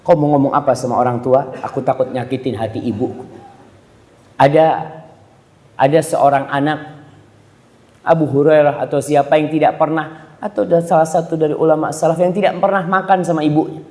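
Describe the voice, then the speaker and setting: A man preaching a sermon, telling stories with lively acted-out voices. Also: fairly high pitch, a little fast. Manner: animated storytelling, acting out mother and child. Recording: echoey hall with long reverb.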